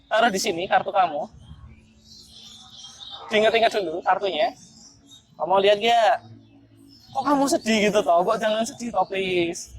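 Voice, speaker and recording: A man's voice: high voice, normal speed, long pauses, faint music behind. Young man, street magician, teasing chatty patter, outdoors in a park. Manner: playful, teasing, chatty with strangers. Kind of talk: casual street performance patter.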